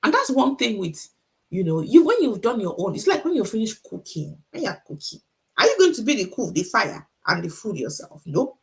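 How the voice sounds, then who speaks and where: Her voice is medium-pitched and gravelly, with big swings in pitch, as this middle-aged Nigerian author cheers on a livestream audience. She repeats her main points, asks rhetorical questions, and speaks deliberately so people can keep up.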